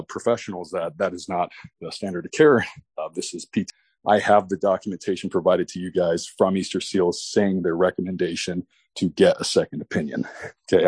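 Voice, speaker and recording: A deep, husky man speaks at a remote board hearing, stopping and restarting often and apologizing as he goes. The sound is dry and close over a video call. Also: darkish tone, dry recording. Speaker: parent making a complaint at a board hearing.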